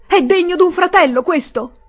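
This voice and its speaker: A woman reader voicing a proud, indignant young woman who speaks in a shrill, outraged and emphatic way. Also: normal speed.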